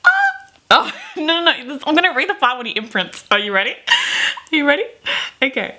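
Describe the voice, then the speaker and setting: She's a book vlogger in her 20s, sitting indoors in a small bedroom, trading casual, wry chatter for dramatic fan fiction readings and back again. Her voice is high-pitched and sing-song, brisk, bright and forceful.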